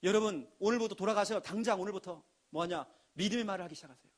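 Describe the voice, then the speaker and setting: A pastor delivering an emphatic sermon in a notably high voice. He drives his points home and slips into the voices of the people he quotes. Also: fast. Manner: emphatic preaching with acted quotes.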